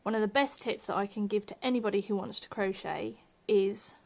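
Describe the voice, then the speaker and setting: A woman's voice: mid-range voice, steady tone, a little fast, gravelly. Chatty woman teaching crochet. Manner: chatty, self-deprecating, drops to murmurs while working; says she has her posh telephone voice on. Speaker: crochet tutorial host. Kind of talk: casual home tutorial.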